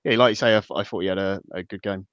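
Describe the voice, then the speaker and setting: A man with a smooth, fairly low voice talks through a football match as a guest. He is measured and a little hesitant, and the audio is dry and slightly dull. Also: steady tone, a bit bright, dry recording. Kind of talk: casual match analysis.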